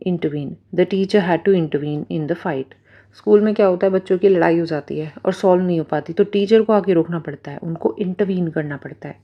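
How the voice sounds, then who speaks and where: A woman teaching vocabulary, reading sentences slowly and then explaining them quickly. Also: on the low side, muffled recording. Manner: reads English lines slowly, explains quickly. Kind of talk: bilingual vocabulary lesson.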